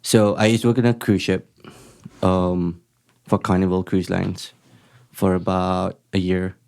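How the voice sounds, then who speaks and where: A young man from Malaysia, a chef guest on a podcast, talking casually in halting sentences with frequent restarts. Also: sits low, creaky, clean tone, no echo. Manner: relaxed, halting speech with frequent restarts and chuckles. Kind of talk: casual chat.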